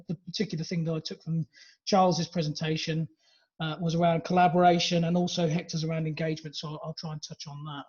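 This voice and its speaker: A man's voice: a little high, a little mellow. A man with an English accent presenting on a webinar in a chatty, hesitant way with many fillers. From England. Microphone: video call. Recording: lo-fi video call audio.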